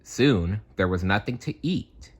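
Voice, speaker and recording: A man reads a children's storybook aloud, performing it with theatrical, deliberate expression. His voice sits on the low side.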